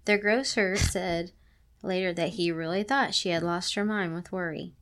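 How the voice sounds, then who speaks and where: A woman's voice: on the low side, fairly even intonation, moderate pace, fairly bright tone. A woman hosting a show, reading a story aloud and breaking off for playful, sarcastic comments. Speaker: podcast host reading stories aloud. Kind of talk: casual reading aloud with joking asides.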